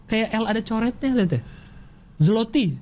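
A man's voice: high voice, lively intonation, a little fast. A man with a Jakarta accent co-hosting a casual chat, playful, laughing often and stumbling over foreign words while reading viewer donations. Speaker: podcast co-host.

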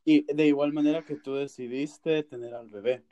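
Man, host interviewer, warm low-key timbre, affirming and gentle. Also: fairly even intonation, moderate pace, muffled recording. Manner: supportive, brief affirmations. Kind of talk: conversational interview.

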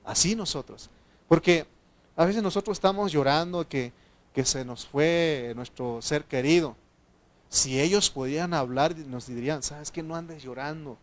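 Emotional male preacher, fairly high voice. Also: measured pace. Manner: emotional, swings from soft to loud. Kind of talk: sermon.

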